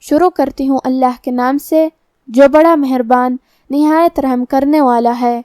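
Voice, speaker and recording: A woman teaching Quran recitation, explaining each letter's sound patiently and step by step, then reciting verses very slowly. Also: high voice, steady tone, warm tone, no echo, studio quality. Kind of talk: step-by-step tajweed lesson with slow recitation.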